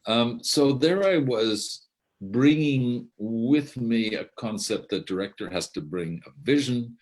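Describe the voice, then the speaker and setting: This older theatre director has a medium-pitched, expressive voice and talks slowly. His rambling, reflective monologue about his career is full of restarts and offhand swearing.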